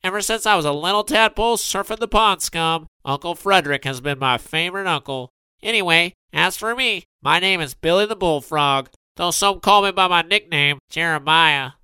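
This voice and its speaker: Male narrator as a croaky bullfrog: bright, crisp, talkative. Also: high-pitched, normal speed, dry recording, voice pushed up. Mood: chatty.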